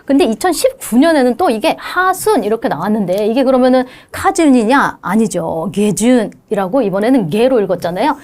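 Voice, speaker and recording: Female instructor, exam-prep lecture; fairly high voice, swoops a lot, coaxing and engaging. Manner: lively, coaxing, checks in with "그쵸?". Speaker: Japanese language instructor.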